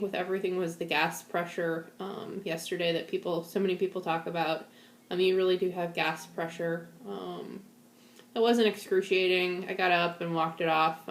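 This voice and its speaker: Woman doing a casual video diary, kinda weak and woozy after surgery, lowish voice, echoey room. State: shaky, feverish, recovering from surgery. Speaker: vlogger sharing a post-surgery update. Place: indoors at home.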